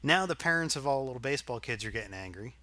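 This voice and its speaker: A man's voice: mid-range voice, lively intonation, fast talker, pushed and bright, no room sound. A middle-aged man from Arkansas, a podcast co-host, telling a rambling, profane story in casual chat.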